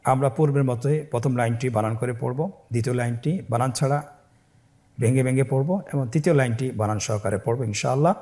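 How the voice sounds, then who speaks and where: A man teaching Quran reading, spelling out syllables slowly in a call-and-response lesson for students to repeat. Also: mid-range voice, fairly even intonation, a little mellow. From Bangladesh. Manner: slow, drawn-out spelling of syllables for repetition.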